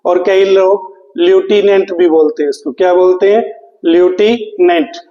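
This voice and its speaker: A man's voice: high voice, fairly even intonation, normal speed, mellow, roomy sound, long reverb tail, muffled recording. A man teaching English spelling to exam students, spelling words out letter by letter and asking the class questions he then answers himself. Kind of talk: exam prep lecture.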